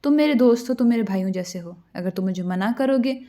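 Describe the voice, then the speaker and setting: A woman's voice: mid-range voice, expressive, dark tone, close to an everyday voice. A woman voicing a lovesick young male king, earnest and pleading, in a storybook tale.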